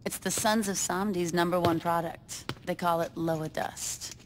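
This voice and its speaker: A woman's voice: fairly low pitch, fairly even intonation, measured pace, a little hiss or hum, close to an everyday voice. A woman playing a wisecracking, laid-back young gang lieutenant in a video game, casual and flippant. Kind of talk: video game cutscene acting.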